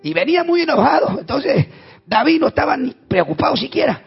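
A man with an Argentine accent preaching a sermon, telling stories dramatically and swinging between loud and quiet. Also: very high-pitched, very animated, brisk, vocal fry, muffled recording. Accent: Argentine Spanish. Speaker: pastor.

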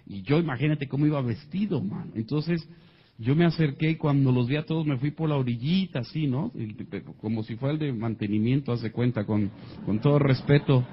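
In a recording with the highs cut off, a man with a Mexican accent delivers a comic personal story to an audience, animatedly acting out quoted voices. His mid-range voice is slightly rough and a little fast.

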